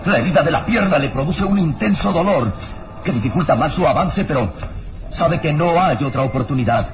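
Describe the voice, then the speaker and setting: Male narrator, dramatic radio serial, solemn, suspenseful, slightly high voice, loud musical backing. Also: animated, a little fast, over music.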